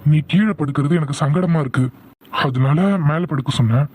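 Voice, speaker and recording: A man's voice: a little high, a little fast, darkish tone, husky, no room sound. A man voicing a bossy but affectionate young husband who teases, scolds and coaxes his wife. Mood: teasing. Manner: teasing, scolding, coaxing. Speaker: voice actor. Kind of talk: cartoon voice acting.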